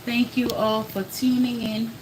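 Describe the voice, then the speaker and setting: A woman whose accent falls between Ghanaian and American hosts a casual live cooking stream, chatting directly to her viewers and calling them y'all. Her voice is fairly high and level, and her pace is measured, with background noise audible.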